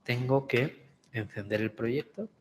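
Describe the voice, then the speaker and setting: A man with a Spain Spanish accent chairs an academic session. His voice sits at a middle pitch, and he talks informally, improvising as he moderates. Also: slow pace, a little mellow, slight background noise.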